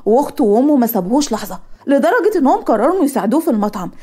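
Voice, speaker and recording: A woman with an Egyptian accent narrating a cartoon story, brisk and matter-of-fact. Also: high voice, expressive, dark tone, slightly rough.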